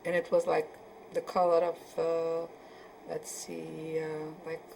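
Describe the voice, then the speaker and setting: A woman in her seventies from Poland recalls her early life in an oral history interview. Her voice is low, warm and mellow, and she talks slowly and evenly. She hesitates often and searches for words, with faint noise behind her. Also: monotone, gravelly, poor audio. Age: 70s.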